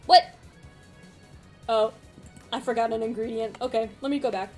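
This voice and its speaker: A young woman streaming a story game live, with a voice a touch high. She reacts in a giggly, self-mocking way and chats casually. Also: normal speed, darkish tone, soft background music. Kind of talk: live gameplay commentary.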